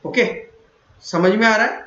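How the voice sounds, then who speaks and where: High-voiced maths teacher, echoey room. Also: male voice, measured pace, a bit bright. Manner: repetitive, checks understanding, self-correcting. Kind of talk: classroom lesson. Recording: echoey room, dull lo-fi sound.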